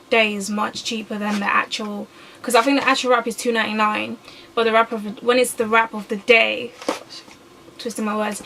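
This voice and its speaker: A woman's voice: on the high side, a little hiss or hum, rough recording. Chatty young woman vlogger. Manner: chatty, animated, exasperated asides. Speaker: YouTuber. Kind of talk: casual chatty vlog while eating.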